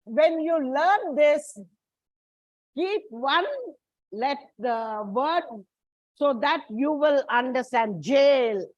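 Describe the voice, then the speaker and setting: A woman teaching pronunciation, slowly spelling out and repeating each sound for her students. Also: high-pitched, dry recording, highs cut off. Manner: slow, deliberate, repeats sounds for learners. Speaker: English teacher. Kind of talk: classroom lecture on phonetics.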